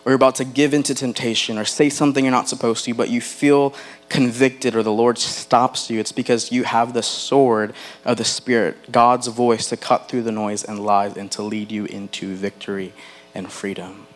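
Man, pastor, sermon, earnest, deliberate emphasis, questions to the congregation, faint mains hum. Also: medium pitch, little pitch movement. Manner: earnest preaching, slowing to stress key words; addresses the congregation directly with questions.

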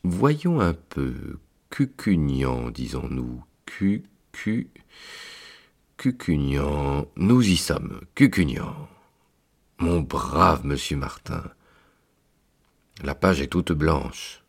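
A man voicing a kindly old Saint Peter, keeper of heaven's book, in a fatherly, unhurried tone. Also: extremely low pitch, sing-song, vocal fry, husky, heavily acted. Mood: consoling. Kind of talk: storytelling read-aloud.

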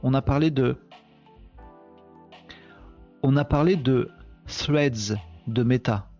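Slow and mid-range, with a darkish tone, a man hosts a casual live online show, joking, mocking himself and filling his chat with fillers. The audio is dull, with soft music in the background.

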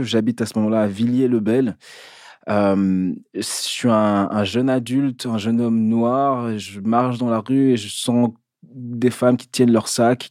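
A man, an actor interviewed as a guest, recounting his path in a reflective way, pausing often to find his words. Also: medium pitch, warm tone, no room sound, clean studio sound. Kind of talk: personal storytelling in an interview.

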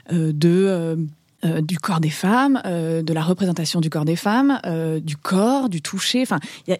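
A woman's voice: fairly low pitch, a little mellow, no echo, clean studio sound. A woman hosting a casual podcast interview, asking questions in an easygoing, teasing manner. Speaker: podcast host.

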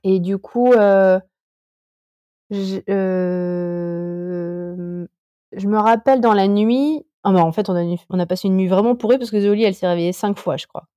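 A woman's voice: medium pitch, unhurried, mellow, no room sound, highs cut off. A woman in her thirties, a climber guest on a podcast, chatting casually and hesitantly with many fillers and restarts. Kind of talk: casual interview chat.

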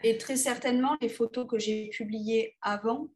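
Woman, fairly high pitch, halting speech with fillers, casual interview. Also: fairly even intonation, darkish tone. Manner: hesitant, many fillers and restarts. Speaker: interviewee, underwater photographer.

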